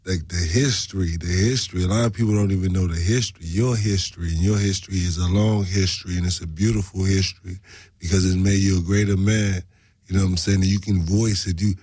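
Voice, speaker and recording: A man with a low, steady, slightly rough and somewhat mellow voice hosts a casual studio interview at a fast clip, with no echo. This radio-style chat is repetitive, and he keeps dropping slangy check-ins like "you know what I'm saying."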